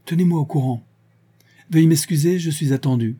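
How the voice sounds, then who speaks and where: A self-important, fawning town mayor who talks with an unctuous eagerness, as a male reader puts him on. The reader lifts his pitch above his own low voice and keeps a dark, husky tone. It is from a storybook reading. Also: a little fast.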